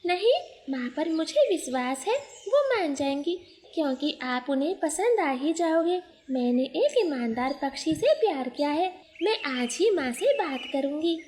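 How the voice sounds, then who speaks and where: Cartoon young sparrow girl, soft and gentle, high voice, played by a woman. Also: big pitch swings, a little slow, slight background noise. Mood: hopeful. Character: sweet young female sparrow.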